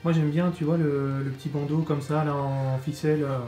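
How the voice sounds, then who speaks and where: A man with a fairly high voice talks casually as a toy review co-host. His explanations come haltingly. The room is echoey, and some music plays behind him. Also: little pitch movement, dark tone. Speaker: co-host presenting toy figures. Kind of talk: casual chat, product review.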